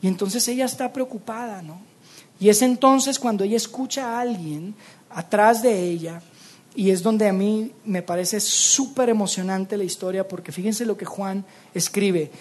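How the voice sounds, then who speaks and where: A woman's voice: mid-range voice, normal speed, darkish tone, breathy edge. A woman preaching an Easter sermon, telling the story expressively and acting out the quoted lines.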